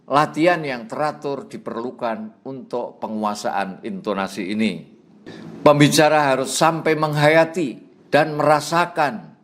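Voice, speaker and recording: Man reading a steady lecture. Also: medium pitch. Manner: measured, repeats passages, rises at each new point and falls at the end. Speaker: lecturer on preaching rhetoric. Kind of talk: read-aloud lecture.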